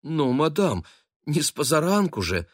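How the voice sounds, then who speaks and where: A man's voice: fairly high pitch, sing-song, measured pace, no echo, clean studio sound, voice pushed up. A man playing a flustered young girl. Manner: timid, bewildered. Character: shy, flustered young woman ward.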